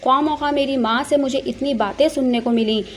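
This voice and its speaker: Woman playing a spoiled, shrill young heiress. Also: steady tone, normal speed, lightly acted. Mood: furious. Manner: loud, whiny and demanding. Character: spoiled, hot-tempered rich young woman.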